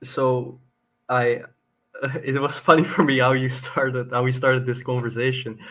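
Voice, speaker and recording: A slightly tipsy man talking casually about ideas in a hesitant, halting way with chuckles. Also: medium pitch, flat delivery, fairly bright tone. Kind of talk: casual philosophical conversation.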